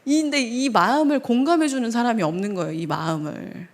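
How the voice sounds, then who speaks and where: Animated woman pastor, fairly high voice. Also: a little fast. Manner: animated, acts out quoted dialogue in changing voices; asks the audience questions. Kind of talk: seminar lecture to a congregation. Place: church hall.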